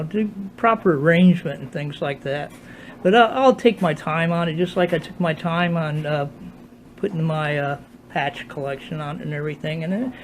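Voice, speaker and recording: A man's voice: on the high side, a little mellow, slight background noise. An older, retired man talks in a casual, folksy, devout ramble, his words slightly slurred with no dentures in. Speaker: motorcyclist video blogger. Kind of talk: casual morning vlog. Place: at home while getting dressed.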